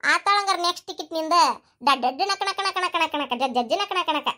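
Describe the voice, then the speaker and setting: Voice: very high-pitched, pushed and bright. A performer voicing a chatty, nosy village woman just back from the city, speaking with a North Karnataka Kannada accent in a cartoon comedy. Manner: nosy, pestering, quick to tease.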